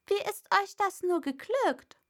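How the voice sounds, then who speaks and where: A woman's voice: extremely high pitch, lively intonation, measured pace, a bit bright, pitched above the performer's own voice, full character voice. A woman reading a storybook and reciting a teasing rhyme as a cheeky young son. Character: cheeky young son questioning his father.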